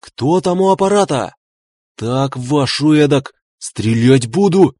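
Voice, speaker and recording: A man reading an audiobook, voicing a rough, blunt male soldier-explorer who talks in a loud, gruff, colloquial way. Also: mid-range voice, expressive, unhurried, no echo, studio quality, voice pushed up. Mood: shouting threat.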